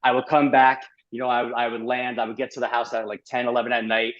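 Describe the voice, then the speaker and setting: A middle-aged man, a doctor as guest, telling his story in a lively podcast interview, full of fillers and "like". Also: medium pitch, fast, dull audio. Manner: animated, uses many fillers and "like".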